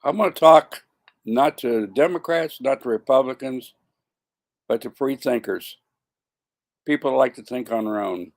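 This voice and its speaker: A man in his seventies speaks with a gravelly, worn voice. He talks casually straight to the camera and often trips over his words, repeating himself and correcting as he goes. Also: mid-range voice, darkish tone. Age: 70s. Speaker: vlogger.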